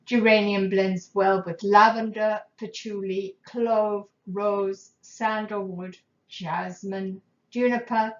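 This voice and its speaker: A woman presenting aromatherapy in a calm instructional talk, gentle and measured, lingering over lists of scents. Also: medium pitch, reverberant, muffled recording.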